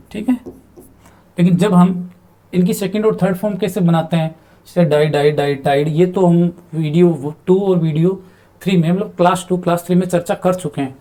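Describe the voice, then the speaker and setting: Male teacher, mellow and fairly high voice, patient classroom explaining, spells out words. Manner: explains slowly, spells words letter by letter, asks and answers his own questions. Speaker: English teacher. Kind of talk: spoken grammar lesson at a board.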